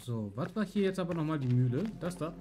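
A man's voice: fairly high pitch, expressive, fast. A man doing casual live game commentary, thinking aloud in short remarks. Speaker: let's play streamer.

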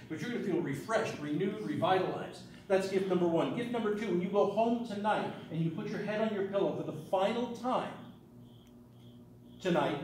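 A middle-aged man working as a stage hypnotist, giving suggestions to volunteers in a commanding, deliberate, repetitive way. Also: fairly high pitch, a little mellow. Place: medium-sized carpeted indoor meeting room. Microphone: distant camera across the room. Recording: roomy echo, distant camera mic, background noise.

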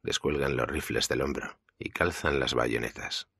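Very deep gravelly Spanish narrator. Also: male voice, moderate pace, fairly bright tone, no echo, studio quality. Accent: Spain. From Spain. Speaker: audiobook narrator. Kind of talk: audiobook narration.

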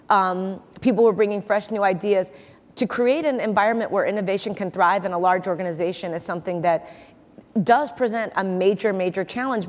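A woman's voice: medium pitch, darkish tone. A woman in her forties, an investor interviewed on stage, speaking confidently and repeating words for emphasis into a lapel mic. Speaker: investor and keynote guest. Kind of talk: onstage interview. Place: large conference hall stage. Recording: long hall reverb.

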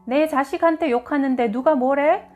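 A woman's voice: high-pitched, very animated, moderate pace, highs cut off, faint music behind, voice pushed up. A woman voicing a furious, foul-mouthed middle-aged mother who shrieks insults and wails in prayer.

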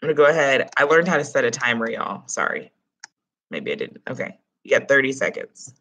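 Speaking briskly in an extremely low-pitched voice, a chatty woman gives an online Spanish lesson by webcam, close up, from a small room at home. She pronounces Spanish words with a Dominican accent and keeps things lively with joking asides to her students.

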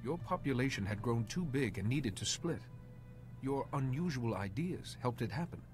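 An actor playing a calm, diplomatic male Jedi hero in a video game, speaking in a measured and earnest way. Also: mid-range voice, over music, close to an everyday voice. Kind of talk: video game dialogue acting.

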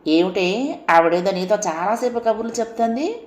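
A woman's voice: medium pitch, expressive, moderate pace, roomy sound, pitched above the performer's own voice, lightly acted. A woman voicing a nosy, bossy middle-aged housewife who nags and gossips irritably. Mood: gossipy.

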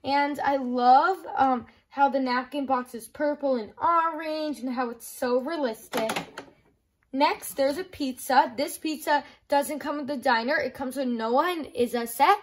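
A young woman with a high-pitched voice reviews a toy in a small room at home, speaking at a measured pace. She is casual and enthusiastic, explaining in simple words with lots of "like" and "I love".

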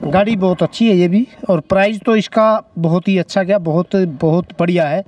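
A man's voice: sits high, steady tone, moderate pace, darkish tone, dry recording. A man in his thirties hosting a used-car video on an outdoor lot, holding a handheld mic and hyping the prices with emphatic repetition. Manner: salesy, repeats prices with emphasis. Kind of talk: energetic promotional interview.

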